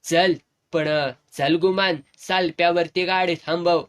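A man's voice: on the high side, normal speed, a bit bright, lightly acted. A man voicing a fierce, defiant village woman in a serialized audiobook, speaking rural Satara Marathi dialect in harsh, commanding bursts. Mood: threatening. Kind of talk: audiobook character voice.

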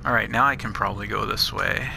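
Music runs behind a man whose low voice has vocal fry, fairly even intonation and a quick pace. He plays a custom shooter map in a casual let's-play, muttering easygoing reactions to each item he finds.

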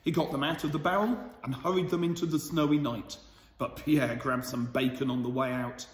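Storyteller, gentle and chatty with children; somewhat high voice; roomy sound with a long reverb. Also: male voice, fairly even intonation, moderate pace. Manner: gentle, chatty, asks the listeners questions. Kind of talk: reading a picture book aloud to children.

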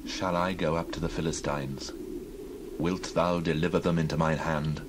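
A man's voice: rumbling low, fairly even intonation, normal speed, noisy background. An actor playing a devout warrior king in a solemn, earnest dramatized Bible reading. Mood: pleading. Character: King David, devout, longing male warrior leader.

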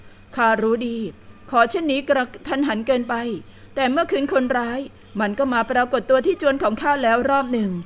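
A woman's voice: a little fast, close to an everyday voice. Worried old court official, read by a woman. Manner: low, hesitant pleading.

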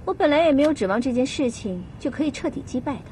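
A woman's voice: high-pitched, lively intonation, quick pace, darkish tone, slight background noise. An actress playing a condescending, calculating young woman in a TV drama. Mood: scornful, calculating.

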